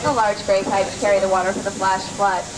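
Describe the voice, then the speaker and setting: A woman's voice: mid-range voice, flat delivery, a little fast. A woman working as a tram tour guide, delivering scripted narration and announcing to a group of riders. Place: on a moving tour tram outdoors. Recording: echoey distant PA speaker, loud vehicle noise. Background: loud vehicle and ambient noise.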